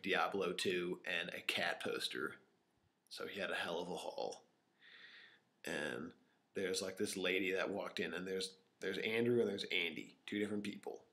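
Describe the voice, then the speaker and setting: Deep-voiced young man rambling to camera. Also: bright, forceful tone. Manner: rambling, many fillers, drops to a whisper at times. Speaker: vlogger. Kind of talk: unscripted casual storytelling to camera. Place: small empty room with open windows. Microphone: camera microphone.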